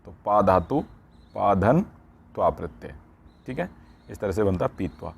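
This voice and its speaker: Low-voiced man teaching Sanskrit grammar. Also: lively intonation, normal speed, creaky, slightly rough. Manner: repeats words and checks in with "ठीक है". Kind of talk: explaining a textbook lesson line by line.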